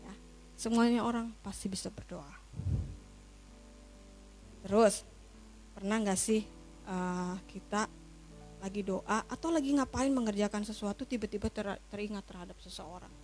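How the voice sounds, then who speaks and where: A woman giving a youth church sermon in a chatty, slangy, animated way, telling stories and acting out what people said. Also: mid-range voice, normal speed, pauses often, soft background music. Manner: chatty and animated, slangy, acts out quoted talk. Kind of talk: casual sermon with told stories.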